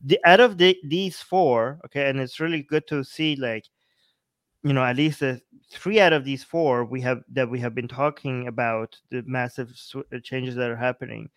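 A man's voice: mid-range voice, steady tone, normal speed, no echo. A man co-hosting a casual live discussion, often interjecting and restarting his phrases as he goes. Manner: interjecting, stop-start with repeated phrases. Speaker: podcast co-host.

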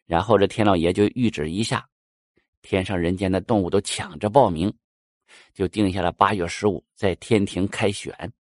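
A man's voice: low-pitched, steady tone, normal speed, dry recording, studio quality. A man telling a folk tale in a folksy Northeastern Mandarin accent. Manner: folksy, with "uh" fillers. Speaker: storyteller.

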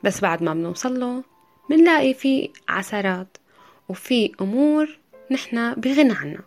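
A woman's voice: fairly high pitch, sing-song, moderate pace. A woman with a Syrian accent telling a folktale as a podcast storyteller, in a traditional once-upon-a-time manner. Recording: music behind the voice. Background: music.

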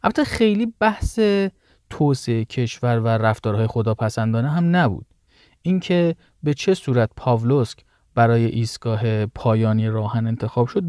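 A man tells a history story in an easygoing, conversational way, breaking off now and then to explain something to his listeners. His voice sits at an ordinary middle pitch. The recording is dry and close, with no room sound around him. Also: a little mellow, no echo. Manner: conversational storytelling with personal asides. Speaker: history narrator. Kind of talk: casual spoken history narration.

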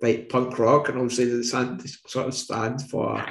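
A man's voice: mid-range voice, flat delivery, moderate pace, vocal fry. A male podcast host chiming in with easygoing, agreeable remarks. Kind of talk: casual podcast chat. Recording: roomy echo.

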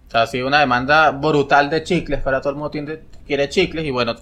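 A man co-hosting a casual podcast, explaining economics insistently and getting loud when pressed. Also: on the high side, fairly even intonation, fast. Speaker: podcast co-host. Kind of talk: casual debate.

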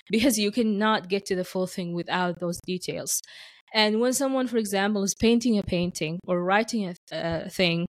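A woman's voice: mid-range voice, no room sound. A woman from Sudan chatting casually as the host of a podcast. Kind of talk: casual chat.

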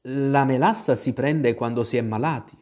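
A man's voice: mid-range voice, moderate pace, darkish tone, natural voice. A man voicing a curious, polite young girl in a storybook reading, asking earnest questions.

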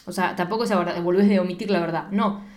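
A woman's voice: lowish voice, steady tone, quick pace, a little mellow. A woman with an Argentine accent, casually chatting and retelling a film plot in a slangy way, swearing freely. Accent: Argentine Spanish.

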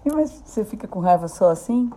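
A woman gently asking her children questions. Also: medium pitch, animated, brisk, slight background noise. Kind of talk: casual chat.

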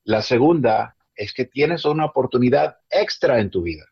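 Husky Venezuelan man telling stories. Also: mid-range voice, moderate pace. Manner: animated storyteller, acts out quotes. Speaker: actor. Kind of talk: casual chat. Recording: slightly dull lo-fi sound.

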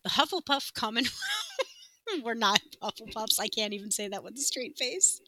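A woman's voice: on the high side, huge pitch swings, bright, forceful tone, dry recording, low-quality recording. A woman co-hosting a podcast, chatting casually and playfully, laughing often. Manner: giggly, playful, quick to laugh. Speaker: podcast co-host. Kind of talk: casual chat.

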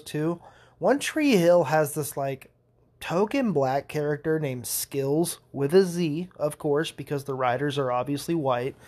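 A young man hosting a podcast, telling rambling stories in a casual monologue, swearing a lot and laughing as he goes. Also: fairly high pitch. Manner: rambling, profane, laughing storyteller. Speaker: podcast host.

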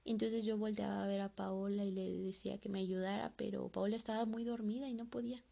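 A woman recounts an eerie personal experience in a casual, rambling style, leaning on fillers as she goes. Her voice is dark and mellow, with a strong gravelly fry running under nearly every phrase. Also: medium pitch, level tone, fairly quick. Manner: loose conversational telling with frequent fillers. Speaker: storyteller. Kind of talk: casual first-person horror story.

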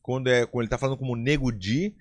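A man's voice: medium pitch, rapid-fire. A man hosting a casual podcast, asking questions and chiming in with eager slang. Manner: eager interjections, slang like "irado" and "bah". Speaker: podcast host.

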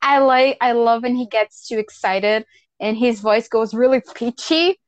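A woman co-hosting a podcast, chatting in an animated, playful way. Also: fairly high pitch, no echo. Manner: animated, playful, quick laughs. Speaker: podcast co-host. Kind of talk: casual chat.

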